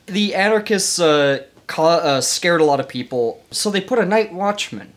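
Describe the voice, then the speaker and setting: Man, casual podcast storyteller, fairly high voice, filler-heavy. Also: lively intonation, normal speed. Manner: rambling storyteller with many fillers. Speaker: podcast co-host. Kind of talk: casual history chat.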